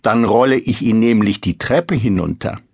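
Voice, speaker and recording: A man voicing a sharp-tongued, theatrical young princess in a storybook reading. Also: on the low side, normal speed, vocal fry, slightly rough, no room sound. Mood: mocking. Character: haughty, mocking young princess.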